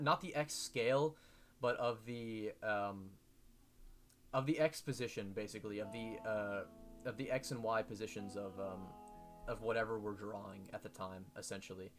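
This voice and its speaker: Low-voiced man, halting coding tutorial. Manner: halting, many fillers and self-corrections. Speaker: modding tutorial host. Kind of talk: casual screen-recorded coding tutorial. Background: background music.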